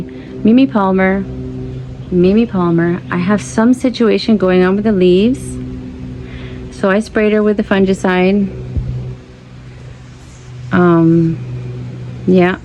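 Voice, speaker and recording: A woman's voice: mid-range voice, lively intonation, slow, long pauses, mellow, soft background music, poor audio. A woman chatting casually to viewers as a plant vlog host, effusive and repeating phrases, with Spanish words slipped into her English. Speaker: host of an orchid-growing vlog. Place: outdoors in an orchid pergola. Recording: clear ambient outdoor background noise.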